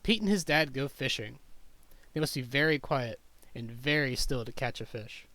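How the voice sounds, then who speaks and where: A man reading a children's picture book aloud as a teacher would, in simple, clearly phrased storytelling for young children. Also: mid-range voice, expressive, moderate pace, bright, forceful tone, no room sound.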